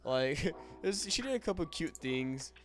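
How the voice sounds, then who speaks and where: A man's voice: on the high side, big pitch swings, normal speed. A young man co-hosting a casual movie review chat, hesitant and full of ums and restarts. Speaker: co-host. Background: lo-fi music.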